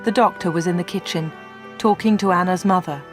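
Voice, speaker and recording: A woman reading a graded story aloud in a clear, steady storytelling manner. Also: fairly low pitch, a little fast, faint music behind. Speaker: audiobook reader.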